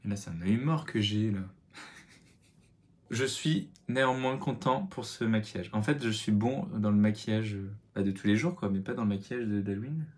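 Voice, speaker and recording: A man's voice: lowish voice, normal speed. A young man chatting through a makeup tutorial at home, self-mocking and muttering as he works. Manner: self-mocking, mutters and sighs at own mistakes. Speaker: makeup vlogger. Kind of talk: casual makeup tutorial chat.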